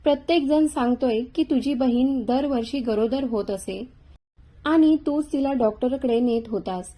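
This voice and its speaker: A woman's voice: high voice, a little slow, mellow, poor audio. A woman voicing a stern, mocking male police inspector in a spoken story, cold and accusing.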